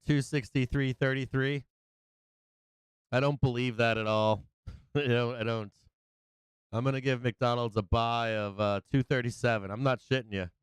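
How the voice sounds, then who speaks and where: Blunt, jokey man with very smooth, clear voice. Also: mid-range voice, no room sound. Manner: blunt, profane, slangy; jokey, chuckles often at own remarks. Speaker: host of a live stock market show. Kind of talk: casual live trading commentary.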